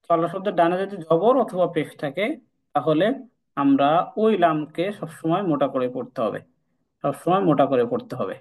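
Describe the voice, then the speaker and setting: A man teaching Quran recitation in a relaxed lesson, patiently repeating each rule and slowly chanting the Arabic examples. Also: fairly high pitch, low-quality recording.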